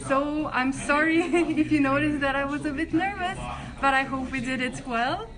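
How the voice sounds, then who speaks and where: A woman's voice: high voice, moderate pace. A young woman from Croatia, a residence staff member hosting a friendly, chatty live-stream Q&A. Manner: friendly, chatty, many restarts. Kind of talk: live-stream Q&A, reading chat questions. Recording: crowd chatter behind.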